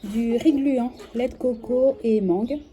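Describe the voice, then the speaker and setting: A woman in her thirties with a French accent, chatting casually through a grocery unboxing vlog, correcting herself often and filling pauses with "euh". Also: on the high side, a crowd in the background. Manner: chatty, self-correcting, many fillers. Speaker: vlogger. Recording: clear background noise.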